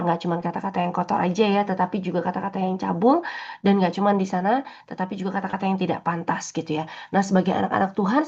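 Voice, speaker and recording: A woman's voice: mid-range voice, a little mellow, muffled recording. A woman giving a casual morning devotional talk, conversational and full of fillers and tag questions. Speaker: devotional speaker.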